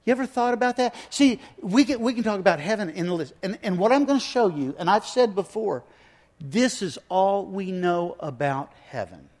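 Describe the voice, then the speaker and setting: A man preaching a sermon in a slow, emphatic way, dropping his voice low for effect, with chatty asides and restarts. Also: animated, darkish tone. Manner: slow, emphatic delivery with dramatic drops in volume; conversational asides and repeated restarts. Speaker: pastor.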